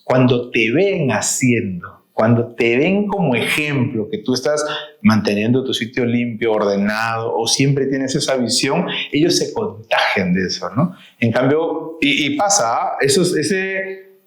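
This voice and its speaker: A man's voice: mid-range voice, lively intonation, unhurried, reverberant. A man hosting a casual podcast, affirming his guest and tagging his phrases with a questioning "¿no?". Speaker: podcast host.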